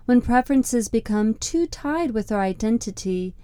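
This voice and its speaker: A woman podcast host reading a scripted reflective monologue in a measured, deliberate, contemplative way. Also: on the high side, animated, dark tone, clean tone, no echo. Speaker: podcast host and meditation guide.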